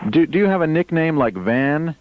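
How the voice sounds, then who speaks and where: On a live radio show, a friendly male host stammers through his questions to callers in an on-air phone interview. His voice is a little high and expressive, at a moderate pace, with a noisy background. The broadcast recording from the studio sounds dull.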